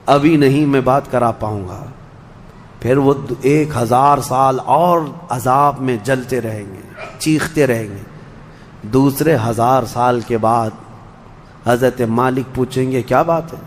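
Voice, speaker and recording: A man preaching an emotional religious sermon, swinging between loud cries and hushed lines and chanting scripture verses slowly. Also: mid-range voice. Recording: long echoing hall reverb.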